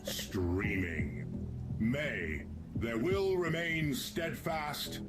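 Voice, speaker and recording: An actor playing an imperial priest, reciting a solemn invocation in a booming villain-like monologue. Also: male voice, lively intonation, very slow, over loud music. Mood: solemn, fervent. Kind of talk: solemn scripted prayer.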